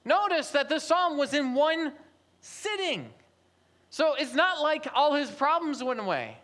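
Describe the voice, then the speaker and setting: A pastor preaching a sermon at a church service, repeating phrases and asking rhetorical questions, moving between a soft low register and raised, emphatic stretches. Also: lively intonation, a little slow.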